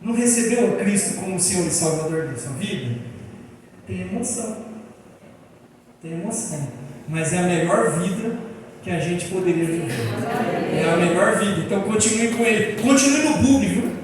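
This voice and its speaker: A Brazilian man preaches in a large church, telling lively stories and acting out the people in them. His voice sits fairly high and reaches the recording from a distance. It rings through a long, echoing hall with faint room noise underneath. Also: a little fast. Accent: Brazilian Portuguese. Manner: animated storytelling with acted quotes. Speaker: pastor. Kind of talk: sermon. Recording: echoey church hall, voice from far off.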